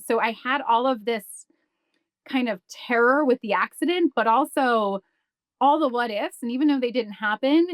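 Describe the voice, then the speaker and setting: A woman's voice: fairly high pitch, no echo. A woman telling a personal story as a podcast guest, earnest, with many fillers and restarts. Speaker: guest, insurance business development director. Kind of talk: conversational storytelling.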